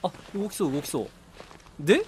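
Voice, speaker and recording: A young man streaming a game in casual chat, jumpy and prone to loud yelps and laughter. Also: high-pitched, very animated, fairly quick, very noisy.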